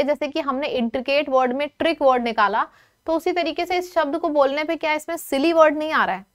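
A woman teaching an online vocabulary lesson in a lively, coaxing way, often asking her students questions. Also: sits high.

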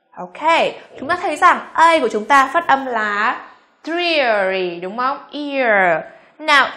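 A young Vietnamese woman teaching English pronunciation, modeling words slowly and quizzing her students. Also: a little high, bright, forceful tone. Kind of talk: classroom pronunciation lesson.

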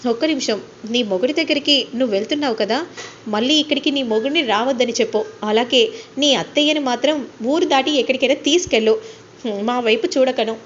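Woman doing a scheming matriarch, taunting, bossy, high voice, dull recording with faint hiss. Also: fast talker, close to an everyday voice. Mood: gloating. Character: scheming, domineering older woman, rich household matriarch.

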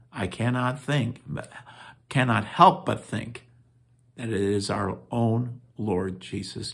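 A man reading scripture and giving a short reflection as a pastor, speaking deliberately and letting his phrases drop off at the ends. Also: fairly low pitch, vocal fry, husky. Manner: slow, deliberate, with dropping phrase endings.

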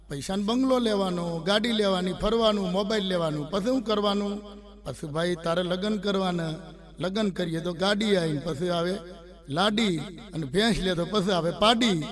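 A middle-aged man with a Gujarati accent, telling comic stories and voicing the people in them. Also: sits high. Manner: storytelling with voiced quotes of characters. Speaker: comedian telling jokes. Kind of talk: Gujarati stand-up joke telling. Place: recording studio.

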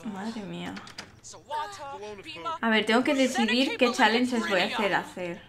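A woman's voice: a little high, a little slow, a crowd in the background. A young woman with a Spain Spanish accent commentating a life-sim game live, chatty, exasperated and swearing freely. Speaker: streamer.

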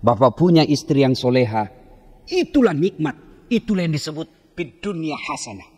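A man's voice: a little high, sing-song, normal speed, a little mellow, breathy edge. A man preaching a humorous sermon, joking with the congregation and acting out the voices of husbands and wives. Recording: long hall reverb.

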